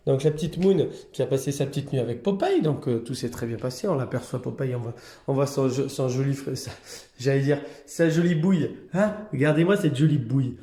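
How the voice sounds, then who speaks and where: A man's voice: fairly quick, warm tone, echoey room. A man who runs a cat hotel, chatting casually through a vlog and now and then cooing at the cats. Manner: chatty, talks baby-talk to the cats in a higher voice.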